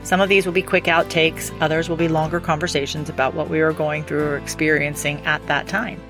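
Low-voiced woman in her fifties. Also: level tone, fairly quick. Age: 50s. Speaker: podcast co-host. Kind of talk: scripted podcast intro. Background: guitar music.

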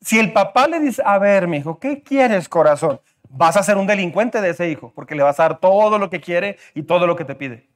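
A man pastor preaching a sermon, emphatic, with rhetorical questions and repetition. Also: sits high.

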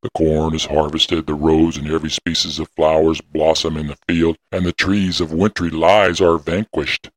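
A man's voice: level tone, normal speed, hardly any pauses, no room sound. A man playing a solemn ancient prophet in an audio drama, speaking in grave, archaic tones. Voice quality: very deep husky voice. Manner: solemn, intoning, archaic prayerful delivery.

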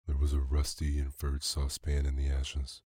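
A man narrates a classic tale for a bedtime podcast, calm and unhurried. His voice is extremely low and dark, with little rise and fall. The recording is dry and close. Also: breathy edge, no echo. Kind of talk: bedtime story reading.

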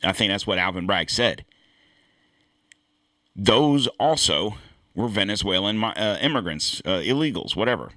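A fairly low-voiced man delivers a loose political commentary monologue as host, circling back and restarting his points in a blunt, profane way. His voice is bright and forceful, and the recording is dry and close, with little room sound. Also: lively intonation, moderate pace, long pauses, dry recording. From United States. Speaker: podcast host.

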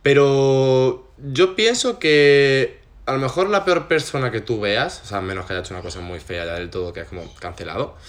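A young man hosting a podcast, talking things through in a relaxed, reflective way with many asides. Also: mid-range voice, normal speed, few pauses. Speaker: podcast host. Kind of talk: casual chat.

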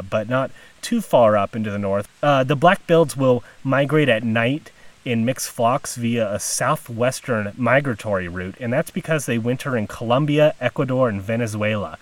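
A man's voice: mid-range voice, no room sound, recorded from a distance. Chatty man hosting a nature podcast. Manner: chatty, informal. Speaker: podcast host. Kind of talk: casual nature narration. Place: outdoors in the field.

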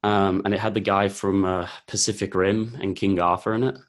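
A young man with a low, fairly flat voice talks casually about films at a normal speed. He's laid-back and rambling, leaning heavily on filler words.

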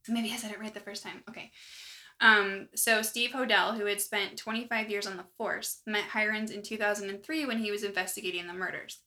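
A woman co-hosting a true-crime podcast, talking in a chatty, animated way with lots of asides. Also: mid-range voice, a little fast. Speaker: podcast co-host. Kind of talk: casual true-crime chat.

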